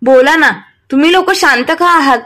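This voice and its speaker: A calm but firm elderly mother presses her grown sons for answers, read by a woman storyteller. The voice is high. It comes from a spoken storybook. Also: moderate pace. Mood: insistent. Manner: soothing, then firmly questioning.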